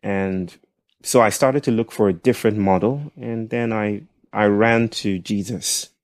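A man from Nigeria with a nasal voice, speaking as a podcast guest in a thoughtful, halting way. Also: on the low side, steady tone, no room sound, clean studio sound. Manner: thoughtful, halting, with soft laughs. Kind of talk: reflective conversational storytelling.

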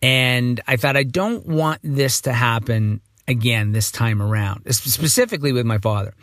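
A middle-aged man hosting a podcast in a casual, rambling monologue, with a slightly hoarse morning voice. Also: mid-range voice, moderate pace, fairly bright tone, dry recording, clean studio sound. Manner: rambling, self-correcting, chatty. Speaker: podcast host.

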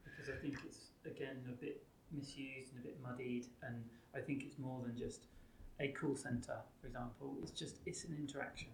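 A man's voice: fairly even intonation, fairly quick, hardly any pauses. A man answering as a podcast guest, conversational and thoughtful, tentatively searching for his words. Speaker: podcast guest, company co-founder. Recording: echoey room with rumbling background noise.

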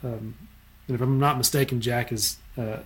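A man's voice: mid-range voice, fairly even intonation, moderate pace. A man in casual conversation, recalling things in a rambling, unsure way with many fillers.

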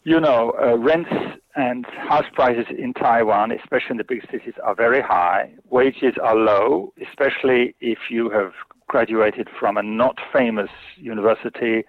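A man speaks at normal speed in a mid-range voice, with no echo but the thin quality of a tinny phone line. Answering interview questions as a China specialist guest, he hesitates, using lots of fillers and restarting often.

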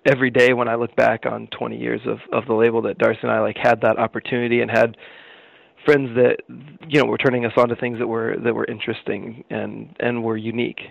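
An American man in his forties with a mid-pitched, gravelly voice gives a casual interview. He speaks in a halting, reflective way. The recording is close, dry and a little dull. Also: little pitch movement, no room sound. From Illinois, United States. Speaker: interview guest, record label co-founder.

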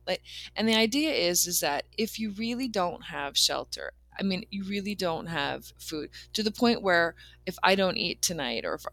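A woman's voice: mid-range voice, fairly bright tone, no echo. A woman giving a casual, unscripted self-help talk, saying "like" very often and restarting her sentences as she goes. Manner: says "like" a lot as a filler; rambling, self-interrupting, repeats words and restarts sentences. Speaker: law of attraction speaker.

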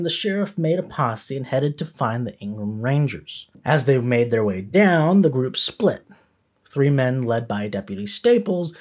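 A man hosting a podcast, narrating a history story with the occasional filler word. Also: medium pitch. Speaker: podcast host.

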